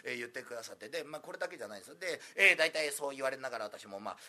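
Fast, animated husky-voiced man. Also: medium pitch. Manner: lively, fast, animated impressions. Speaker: storyteller. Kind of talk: comic anecdote telling.

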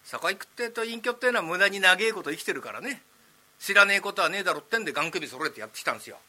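A man's voice: high voice, animated, heavily acted. A man doing a brash young Edo tradesman. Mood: boastful. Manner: loud, rough, quick Edo street talk. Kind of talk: rakugo storytelling.

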